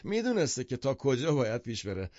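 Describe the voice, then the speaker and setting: A man voicing an excitable half-drunk middle-aged man who stammers and marvels, in an audiobook. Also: medium pitch, gravelly, no room sound, voice pushed up. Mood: excited. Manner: slurring, stammering, wonder-struck. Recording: dull lo-fi dry recording.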